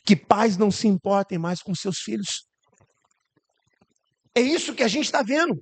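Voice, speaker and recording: A Brazilian man preaches a sermon in a notably high voice. He keeps asking the congregation rhetorical questions and briefly acts out the people he quotes. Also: lively intonation, unhurried, breathy edge.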